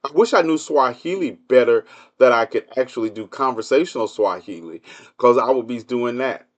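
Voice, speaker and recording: A man hosts his own livestream in a loose, casual monologue about the news. He is sarcastic and keeps throwing rhetorical questions at his listeners. His voice sits at an ordinary middle pitch for a man. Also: animated, normal speed. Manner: hums a tune while waiting. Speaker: livestream host. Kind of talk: casual political commentary monologue.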